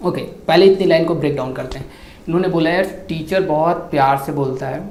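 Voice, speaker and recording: A man's voice: on the high side, a little fast, darkish tone, a little hiss or hum. A man, a YouTuber, talking casually to his viewers and answering their comments, mixing Hindi and English and keeping up a stream of yaar and bhai. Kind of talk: casual talk to camera. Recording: echoey room.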